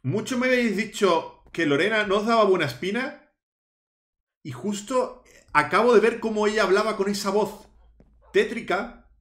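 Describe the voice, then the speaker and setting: A YouTuber narrates a Halloween Minecraft let's play, hamming up fear, shrieking at scares in mock fright, and talking to viewers dramatically. His voice is high-pitched and fairly bright at a moderate pace, in a roomy-sounding recording.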